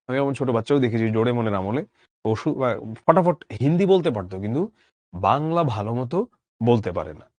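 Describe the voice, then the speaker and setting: A young adult man with a mid-range, somewhat dark voice teaches a literature lesson to exam students, with no room sound. He rereads each line of the text and rephrases it simply, his pitch rising and dropping emphatically on key words.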